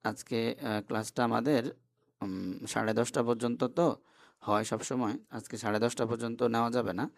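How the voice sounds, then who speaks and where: A man's voice: mid-range voice, steady tone, brisk, gravelly. A man teaching an online class, who explains step by step and keeps asking his students questions.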